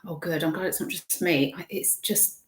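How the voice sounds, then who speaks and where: A woman's voice: fairly low pitch, steady tone, normal speed. A British woman hosting a casual live stream from her kitchen, rambling chattily and breaking off her own sentences. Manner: chatty, self-interrupting, warm chuckles. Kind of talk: rambling casual chat, reading viewer comments. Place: home kitchen. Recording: echoey home kitchen.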